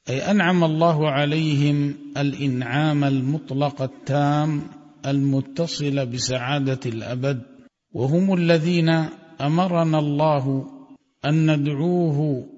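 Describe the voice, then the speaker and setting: A man teaches from a classical text, reading each passage and then explaining it phrase by phrase. His voice sits a little high, and he breaks into a melodic chant for quotations. The sound is muffled and carries a long hall echo. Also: a little mellow. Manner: measured, recites quoted passages with melodic chanting. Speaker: religious teacher. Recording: dull audio with long hall reverb.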